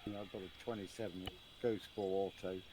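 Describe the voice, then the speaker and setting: A man's voice: deep voice, fairly even intonation, a little fast, mellow, a little hiss or hum. A man playing in a military game squad, giving casual tactical callouts to his teammates. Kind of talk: casual tactical callouts during online gameplay.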